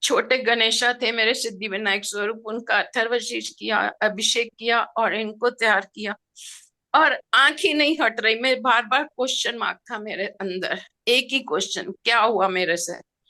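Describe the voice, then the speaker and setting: Bright-voiced middle-aged woman telling a heartfelt story. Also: a little high, normal speed. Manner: expressive, heartfelt, mixes in English words. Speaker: participant sharing a personal experience. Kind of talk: emotional personal storytelling.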